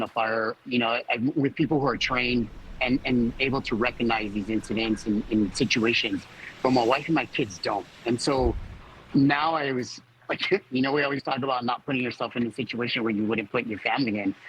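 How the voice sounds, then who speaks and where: A man of about fifty giving a personal account as a fire captain in an interview, speaking haltingly as he searches for words. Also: mid-range voice, a bit bright, a little hiss or hum, rough recording.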